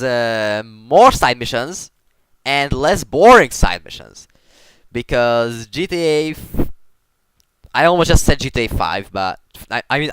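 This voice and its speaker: A man's voice: mid-range voice, a bit bright, clear, resonant tone, no echo. A man giving casual commentary while playing a game. He rambles, stumbles over his words and restarts sentences often. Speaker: gaming commentator.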